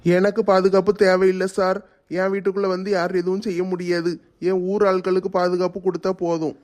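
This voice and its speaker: A man plays a worried village elder in a homemade skit. His voice sits high and barely moves in pitch, and he speaks insistently. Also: monotone, a little fast, darkish tone. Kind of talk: family skit acting.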